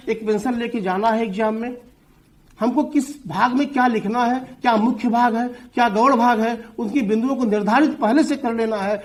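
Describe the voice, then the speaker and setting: Very high-pitched and heard with a roomy sound, a male teacher with a Hindi accent lectures on essay writing for exam prep. He talks straight to his students and explains with everyday examples.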